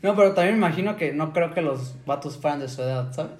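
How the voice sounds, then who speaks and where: A man's voice: fairly high pitch, expressive, fast talker, a little mellow. A young man with a Mexican Spanish accent chatting casually as a podcast co-host, reading listener stories aloud and laughing often. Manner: laughs often, slangy, acts out quoted voices. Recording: echoey room.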